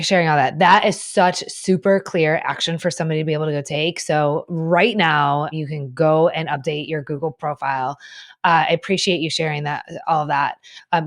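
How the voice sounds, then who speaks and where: A woman's voice: low-pitched, no room sound, studio quality. A woman hosting a podcast interview, speaking conversationally and affirming her guest. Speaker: podcast host.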